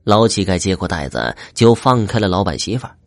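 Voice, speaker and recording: A man narrating a folk ghost story in a lively, expressive storytelling manner. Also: low voice, a little fast, creaky, dry recording.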